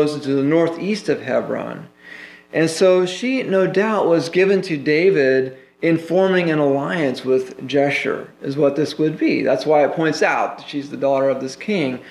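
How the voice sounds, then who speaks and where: A man's voice: fairly high pitch, reverberant. A man pastor teaching a Bible sermon in a conversational way, full of "you know" fillers.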